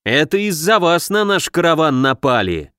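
A man voicing a cowardly merchant turned into a bone-armored undead monster, talking in a shrill, pleading, desperate way in an audiobook. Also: big pitch swings, moderate pace, bright, forceful tone, clear, resonant tone, no room sound, clean studio sound. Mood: bitter accusing. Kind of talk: audiobook narration.

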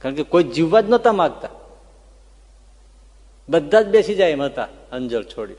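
A man retelling a devotional story as a sermon, his voice rising with feeling and dropping soft for the tender parts. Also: fairly high pitch, very animated, normal speed. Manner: tells the story with emotional rises and soft dips. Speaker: religious storyteller. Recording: long reverb of a large hall.

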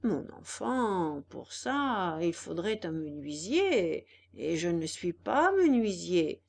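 A woman voicing a calm, kindly female snail who speaks in a drawn-out, unhurried way. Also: on the low side, vocal fry, heavily acted. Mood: placid.

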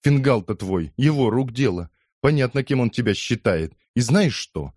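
A man reading an audiobook, voicing a furious, heavy-jawed middle-aged woman who shouts hoarse, spiteful abuse. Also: medium pitch, expressive, moderate pace, no room sound, studio quality, voice pushed up, close to an everyday voice.

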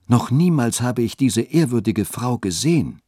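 A man reading a radio story, voicing a stern, dignified church dean who speaks in a grave, measured way. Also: medium pitch, animated, warm tone, slightly rough, no room sound, studio quality, voice pushed up.

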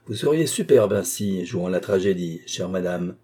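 A man voicing a calm, dry, scheming English baronet in an audiobook reading. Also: medium pitch, moderate pace, husky, natural voice. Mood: sardonic.

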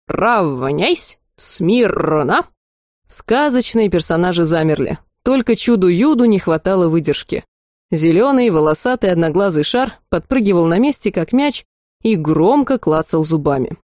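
A woman narrating an audiobook in lively first-person storytelling. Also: fairly low pitch, moderate pace, dry recording, studio quality. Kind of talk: scripted narration.

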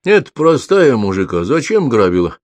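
A man's voice: mid-range voice, big pitch swings, moderate pace, no room sound. A man voicing a frightened, wounded young laborer speaking in broken grammar. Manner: broken grammar, weak, scared.

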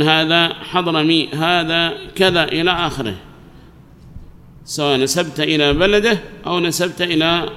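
A man's voice: fairly high pitch, fairly bright tone. A man teaching a grammar lesson to a class, explaining patiently and asking questions that he then answers himself. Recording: long hall reverb, faint background noise.

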